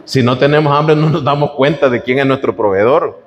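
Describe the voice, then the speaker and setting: A man preaching a sermon in an animated way, asking the congregation questions as he goes. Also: medium pitch, brisk, in a large hall, lo-fi sound.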